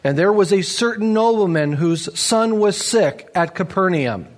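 Animated man preaching a sermon. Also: a little slow. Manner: animated storytelling with big pitch swings; drops to low, quiet emphasis. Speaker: pastor.

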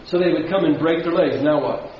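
A man's voice: fairly high pitch, fairly quick, a little hiss or hum. A man preaching a sermon as pastor to a congregation, asking them questions and building emphasis. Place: church sanctuary. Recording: dull, very echoey hall from far off.

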